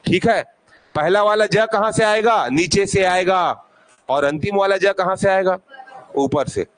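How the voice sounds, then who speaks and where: A man's voice: high voice, a little slow. A man teaching a classroom grammar lesson, asking questions and answering them himself, repeating sounds to demonstrate them.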